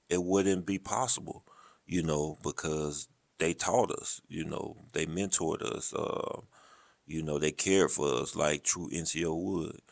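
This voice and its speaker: A man with a very low voice and an unhurried Southern drawl, speaking in a slow, level way. His voice is recorded dry and close, with no room sound around it. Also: creaky, no echo. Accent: Southern American. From American South. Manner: slow, deep, even delivery. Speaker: Army noncommissioned officer, guest. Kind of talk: casual interview.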